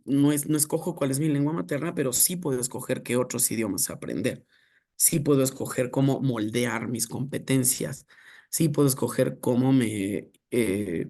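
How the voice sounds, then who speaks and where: A man delivers an academic lecture in a warm, mid-range voice. He speaks in a measured, reflective way with filler pauses.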